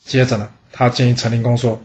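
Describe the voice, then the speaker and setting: A man hosting a storytelling podcast, telling history in a chatty, lively way. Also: mid-range voice, quick pace, highs cut off, a little hiss or hum. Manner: chatty, lively storyteller voicing characters in dialogue. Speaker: storyteller host.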